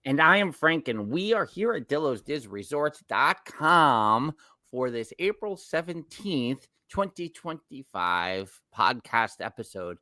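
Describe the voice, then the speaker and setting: A man's voice: mid-range voice, very animated, a little slow, sharp tone, no room sound. A middle-aged man with a New York accent, co-hosting a casual podcast chat and telling rambling stories that often restart mid-sentence. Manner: rambling, self-correcting storyteller. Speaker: podcast co-host.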